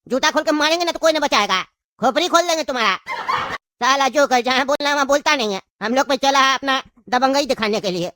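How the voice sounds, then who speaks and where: A woman voicing a sharp-tongued old man in a jail cell who scolds and needles the others. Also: sits high, quick pace, dry recording, studio quality. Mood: scolding. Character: old male cellmate, sharp-tongued uncle. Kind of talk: cartoon voice acting.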